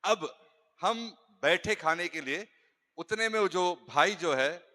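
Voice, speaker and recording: Animated male pastor in an echoey hall. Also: fairly high pitch, unhurried. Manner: animated storytelling with jokes and interjections. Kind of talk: humorous sermon. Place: church hall.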